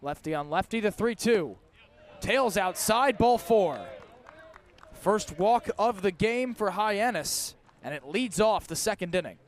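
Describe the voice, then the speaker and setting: Outdoors at the ballpark, a man's high, expressive voice delivers live radio baseball commentary at a measured pace. His calls are clipped and descriptive, climbing as the action builds.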